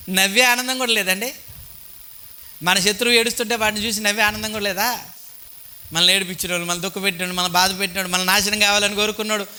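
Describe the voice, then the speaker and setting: Male Telugu preacher with a high, very bright voice, chatty sermon style, asking the congregation questions, cheap handheld mic. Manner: conversational, asks the congregation questions, mock-voices petty thoughts. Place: church hall. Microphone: cheap handheld microphone.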